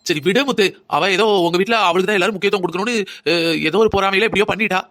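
Woman as an older mother-in-law in a cartoon: rapid, pleading and lamenting, doting on her wayward daughter. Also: mid-range voice, fairly bright tone, lightly acted. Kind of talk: cartoon drama voice acting.

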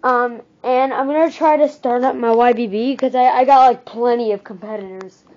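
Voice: mid-range voice, steady tone, normal speed, darkish tone. A YouTube creator giving a casual, rambling channel update through a voice changer app filter. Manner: rambling, full of "um" and "like". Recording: dull lo-fi phone app recording.

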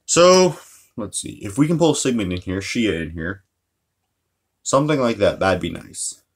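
A man's voice: lowish voice, very animated, unhurried. A man giving casual, profanity-laced commentary while playing a mobile game, ranting about his luck. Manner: chatty, swears freely, ranting.

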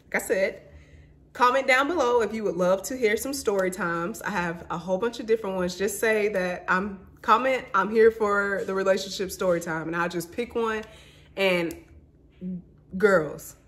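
A woman's voice: mid-range voice, moderate pace, fairly bright tone. A woman in her twenties from Mississippi, telling her own story in a candid, emotional vlog and talking straight to her viewers. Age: 20s. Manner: candid and emotional, says y'all and honey. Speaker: vlogger.

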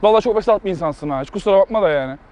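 Young male prank host, high voice, rapid teasing patter, outdoors in a park. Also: animated, darkish tone, dull audio. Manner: fast-talking, teasing, mock-innocent. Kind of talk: street prank banter.

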